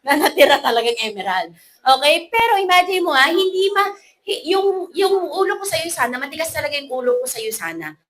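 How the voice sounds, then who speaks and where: Lively Filipino woman speaker. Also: high voice, a little fast, low-quality recording. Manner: lively, animated, playful, mixing English into Filipino. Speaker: motivational speaker at a business event. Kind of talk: motivational talk to an audience.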